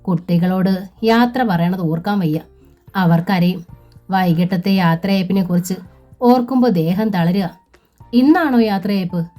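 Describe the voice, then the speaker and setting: A woman narrating a serialized novel as an audiobook, reading at a steady, unhurried pace. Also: lowish voice, faint music behind.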